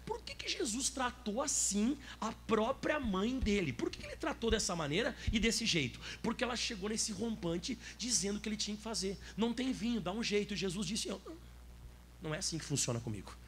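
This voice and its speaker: Brazilian pastor guy preaching, high husky voice, swings up and down a lot. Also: brisk, a little hiss or hum. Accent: Brazilian Portuguese. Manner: lively preaching, asks the audience questions. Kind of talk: sermon.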